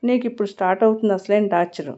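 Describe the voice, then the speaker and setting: A man's voice: racing, darkish tone, lightly acted. A woman reading the lines of a ruthless male mafia boss in a storybook reading, with a cold, threatening manner, on a muffled recording. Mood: menacing. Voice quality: deep bass voice.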